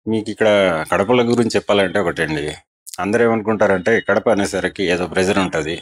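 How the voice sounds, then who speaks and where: A man, a police circle inspector, answering interview questions in a measured, formal way. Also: lowish voice.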